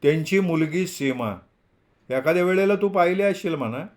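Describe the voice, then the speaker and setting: A man's voice: a little high, normal speed, pitched above the performer's own voice, natural voice. A man reading a novel aloud, voicing a shy, nervous young male student in a raised, hesitant voice. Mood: hesitant, eager.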